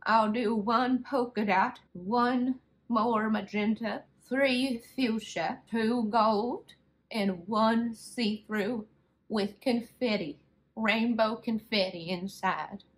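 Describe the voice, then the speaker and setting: A woman's voice: a little high, takes it slowly, low-quality recording. A woman voicing a sweet, rambling old lady in her late eighties, folksy and obtusely literal, in a prank call. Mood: sweet, excited. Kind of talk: prank phone call role-play. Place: small bedroom, indoors.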